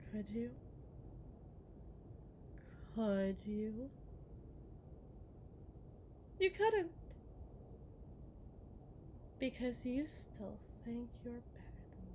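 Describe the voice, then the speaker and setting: Here the same kidnapper-wife character returns in a high-pitched, fully committed character voice, now taunting and cold. She remains possessive, manipulative and condescending, drawing out words and swinging between whispers and emphasis, over a faint hiss or hum.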